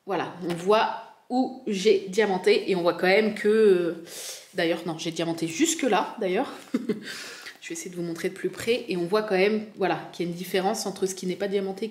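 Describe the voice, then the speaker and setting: Chatty woman vlogger, echoey room. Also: mid-range voice. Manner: chatty, hesitant, many fillers and self-corrections; talks directly to viewers, laughs at herself. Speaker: diamond painting vlogger. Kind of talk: casual unboxing show-and-tell.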